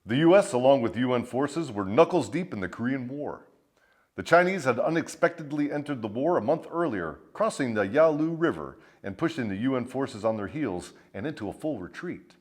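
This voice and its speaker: A first sergeant hosts a military storytelling show, delivering dramatic scripted tales with crude, swaggering, profane humour. His medium-pitched voice is expressive and a little mellow, at a moderate pace.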